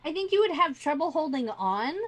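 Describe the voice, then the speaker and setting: A woman narrating casually as dungeon master, relaxed and halting, with many fillers. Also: sits high, rough recording.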